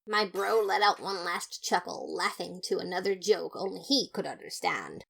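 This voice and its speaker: In a full character voice that is lowish, creaky and husky, a woman plays a boastful skeleton detective, a man recounting his case in a fan-made audio drama. She is expressive at normal speed, earnest and dramatic, delivering it with theatrical, smug emphasis.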